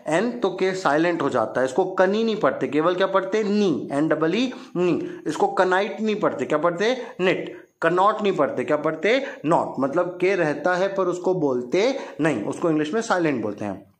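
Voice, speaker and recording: A man teaching young children English words, repeating each one and asking it back as a question, and reading English lines slowly. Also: on the high side, big pitch swings. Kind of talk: classroom vocabulary lesson for children.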